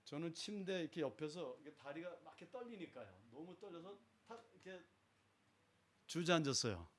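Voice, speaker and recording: A man's voice: fairly high pitch, sing-song, fairly quick, a bit bright, breathy edge. Middle-aged male guest speaker, dramatic testimony style, plays the people in his story. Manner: dramatic storyteller, acts out quoted voices. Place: church sanctuary.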